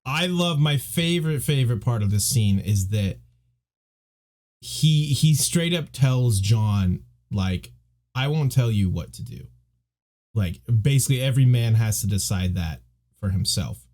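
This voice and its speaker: A man's voice: mid-range voice, animated, measured pace, a little mellow. A man co-hosting a podcast, talking casually and with animation, and mimicking characters when he quotes them. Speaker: podcast co-host.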